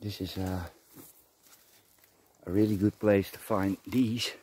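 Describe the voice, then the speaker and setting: Slow, mellow-voiced man rambling outdoors. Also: low voice, steady tone, a little hiss or hum. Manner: rambling, chatty, talks to himself and the camera. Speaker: vlogger. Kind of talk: casual outdoor vlog narration. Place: outdoors on a forest trail in light rain. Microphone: camera on a tripod.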